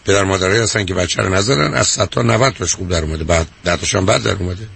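A man with a very low, gravelly, raspy voice gives blunt advice to a caller and lectures her. He repeats his points with force and brushes off her reasons. It is a call-in counseling show. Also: fairly bright tone. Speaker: radio advice host.

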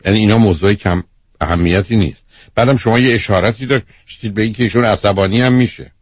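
A radio psychologist host speaks in a lowish voice with a breathy edge and no echo, heard through dull lo-fi audio. Running a call-in advice show, he is blunt and lectures the person on the line.

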